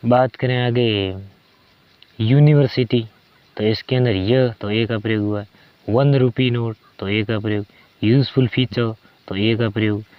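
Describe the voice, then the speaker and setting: A man's voice: mid-range voice, steady tone, smooth. A man teaching an English grammar lesson in Hindi, stretching out each example word as he explains it. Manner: slow and deliberate, drawn-out example words. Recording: dry, dull lo-fi sound.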